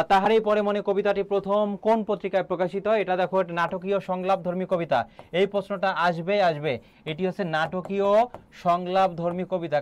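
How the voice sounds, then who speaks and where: A man's voice: high-pitched, dry recording. A young man teaching an online exam-prep class, quizzing students and repeating key answers, with frequent filler sounds.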